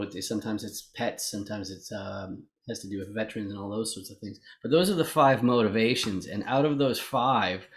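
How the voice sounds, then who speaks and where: A man hosting a casual interview over a video call, explaining at length with plenty of fillers. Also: fairly low pitch. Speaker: podcast host interviewing investors.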